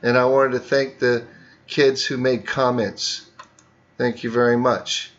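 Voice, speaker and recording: A male teacher walks students through a screen tutorial at an unhurried, deliberate pace, explaining each click one step at a time. His voice sits at a middling pitch. The recording sounds a little dull and lo-fi. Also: flat delivery, a bit bright.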